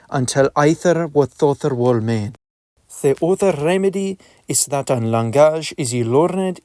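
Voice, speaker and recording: A man reading a text aloud in Middle English, with archaic pronunciation and a deliberate, measured delivery. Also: on the high side, a little mellow, no echo, studio quality.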